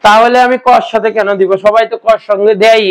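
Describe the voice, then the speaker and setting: High-voiced man quizzing a class. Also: fairly even intonation, fast talker, clean tone, rough recording. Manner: quizzing students with repeated questions. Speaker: Bengali grammar teacher. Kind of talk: classroom lecture.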